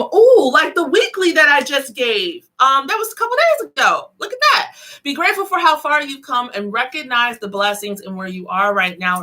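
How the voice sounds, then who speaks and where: A bright, sharp-toned woman with a lilt talks through a live tarot reading in a loose, chatty way. She giggles often and keeps calling her viewers "honey loves." Her voice sits a little high. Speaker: tarot reader.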